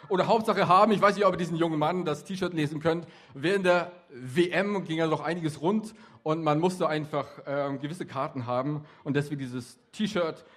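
A middle-aged man who works with youth speaks at a youth event in a fairly high-pitched, slightly bright voice. His talk to the young audience is chatty and full of jokes, and he keeps asking them questions.

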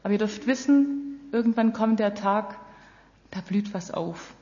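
A woman's voice: mid-range voice, a little slow, mellow. Earnest woman preaching in a reverberant hall. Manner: earnest, direct address to the audience. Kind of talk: sermon. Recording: dull audio with long hall reverb.

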